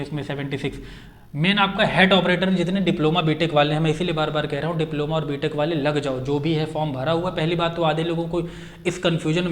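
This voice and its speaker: Speaking in a voice on the high side, a male coaching teacher delivers a casual update that explains things, repeating important phrases to stress them and using many English words.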